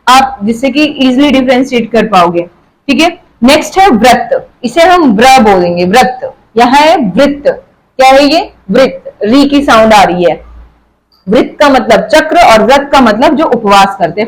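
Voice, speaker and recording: Young woman, high voice, patient teacher, slow repeated examples. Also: low-quality recording. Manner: patient, explains step by step and repeats words slowly. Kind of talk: Hindi grammar lesson for children.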